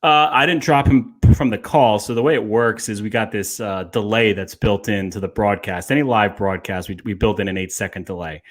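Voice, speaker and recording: A man who works in sports radio, speaking as a guest in a casual chat. His voice is smooth and sits a little low. He tells stories in a relaxed, easy way. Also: brisk, few pauses. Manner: relaxed, laid-back storyteller.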